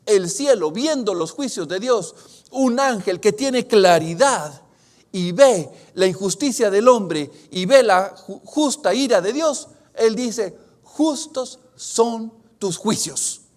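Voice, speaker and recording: High-voiced preaching man, loud then hushed. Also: expressive. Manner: swings from loud emphatic bursts to hushed, drawn-out phrases; confessional and earnest, reads scripture aloud. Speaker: pastor. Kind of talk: sermon.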